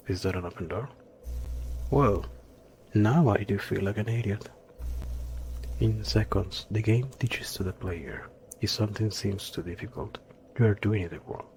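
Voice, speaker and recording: A man narrating a scripted game review in a dry, sarcastic manner, with a gravelly voice. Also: lowish voice, darkish tone, a little hiss or hum.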